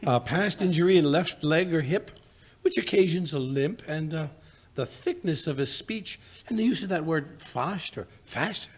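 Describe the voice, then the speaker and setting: A man playing a grumbling but good-natured gentleman doctor, a detective's skeptical companion, husky and blustering, in 1940s radio drama style. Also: on the high side, expressive, normal speed. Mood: hesitant, musing. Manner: blustering, hesitant, exasperated.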